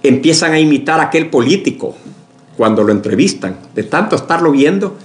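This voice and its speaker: A man's voice: a little high, big pitch swings, a little fast. Pastor guy preaching, repeats himself hunting for examples, roomy echo. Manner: repeats words while searching for examples. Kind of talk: sermon. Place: church.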